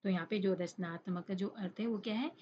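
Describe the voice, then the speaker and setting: A woman teaching an English lesson in Hindi, mixing in English words, reading the English text slowly and checking in with "okay?" after nearly every line. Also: medium pitch. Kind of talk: classroom lesson explanation. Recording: dull lo-fi recording with faint noise.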